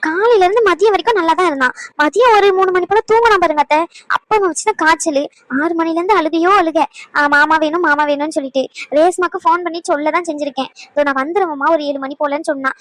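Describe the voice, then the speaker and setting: A woman voicing an anxious young mother in a cartoon, complaining fast about her sick child. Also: extremely high pitch, no echo. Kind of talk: cartoon voice acting.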